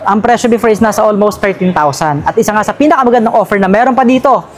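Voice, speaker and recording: A woman's voice: medium pitch, fast talker. A woman with a Filipino accent, recording a casual walkthrough vlog. She talks in a chatty, upbeat way and reads out price after price. She leans on fillers and tag questions. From Philippines. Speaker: vlogger touring a store sale. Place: large indoor furniture store sale.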